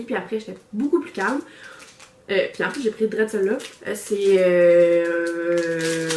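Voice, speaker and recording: A woman with a Québécois accent talks through an unboxing in a loose, rambling way, full of fillers and restarts. Her voice sits at an ordinary pitch and is picked up by a camera mic. The room is echoey, with a faint hiss of noise behind her. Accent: Québécois French. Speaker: vlogger reviewing a subscription box. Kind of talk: casual unboxing chat. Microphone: camera microphone.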